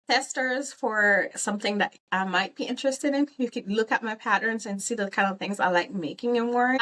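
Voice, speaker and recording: A crochet vlogger who grew up in Haiti chats casually about her crafting plans. Her voice is on the high side and fairly bright, and she rambles along with lots of ums and a bit of self-teasing.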